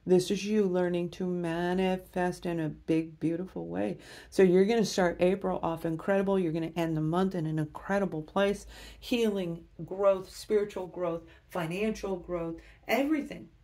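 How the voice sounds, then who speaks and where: A woman's voice: fairly low pitch, steady tone, moderate pace, warm tone. A woman giving a tarot reading to camera, upbeat and speaking straight to her viewers. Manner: enthusiastic, addresses viewers directly. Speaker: tarot reader.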